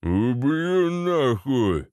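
A hulking, dim-witted ex-paratrooper thug snarls and drags out every foul-mouthed threat, put on by a man reading the story. The delivery is slow, heavy and menacing. The sound is dry and close, with no room around it. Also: medium pitch, very animated, a little mellow, dry recording. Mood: snarling. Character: brutal thick-headed male ex-paratrooper thug.

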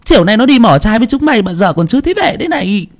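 A man's voice: high-pitched, sing-song, very fast, pitched above the performer's own voice. A man voicing a distraught village woman frantically searching for her son. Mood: frantic. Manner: wailing, frantic.

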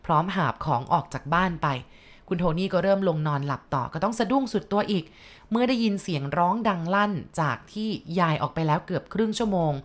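A woman telling a ghost story in a casual, chatty way, adding asides to her listeners. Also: medium pitch.

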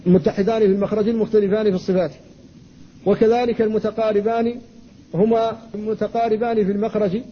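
A man, an Islamic scholar, giving a classroom lecture on Quran recitation. He explains rules at a measured teaching pace, recites verses slowly and stops to answer students. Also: high-pitched, little pitch movement. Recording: dull lo-fi lecture recording with faint noise.

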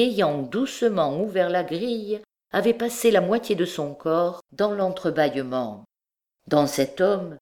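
Low-voiced woman narrating an audiobook. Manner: steady, expressive storytelling. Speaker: audiobook reader. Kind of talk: scripted narration of a classic novel.

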